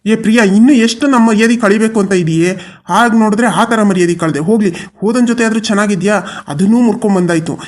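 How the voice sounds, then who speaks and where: An actor voicing a weary, resigned middle-aged father in a cartoon, who talks slowly and consoles his wife. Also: medium pitch, close to an everyday voice. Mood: exasperated. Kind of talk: cartoon voice acting.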